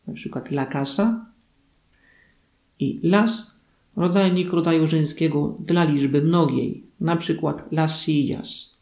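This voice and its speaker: A man giving a scripted grammar lesson, explaining rules clearly and reading out examples. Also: on the high side, dark tone. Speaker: language teacher. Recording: echoey room.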